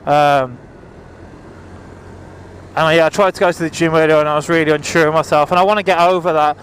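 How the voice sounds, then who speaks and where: A man's voice: on the high side, fairly even intonation, brisk, a bit bright. A man chatting casually to viewers in a rambling, apologetic way, raising his voice over the engine as he rides a motorbike with a helmet mic. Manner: raised voice talking over engine noise. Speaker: motorbike vlogger. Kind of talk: casual vlog chat to viewers while riding. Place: outdoors, riding a motorbike on the road. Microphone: helmet microphone, visor open. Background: motorbike engine, wind, traffic.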